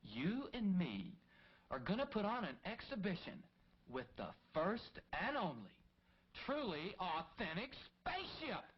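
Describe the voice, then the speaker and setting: An actor playing an excitable man pitching a get-rich scheme to his sleepy partner, animated and eager, on a dull 1960s film soundtrack. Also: a little slow, a little hiss or hum, full character voice. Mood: excited. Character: excitable male hustler dreaming of riches.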